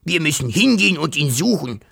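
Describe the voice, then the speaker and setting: A man's voice: fairly high pitch, very animated, brisk, gravelly, a bit bright, breathy edge, voice pushed up, full character voice. A man voicing a friendly three-headed male dragon in a children's story, speaking in a hissing, matter-of-fact way. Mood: tired.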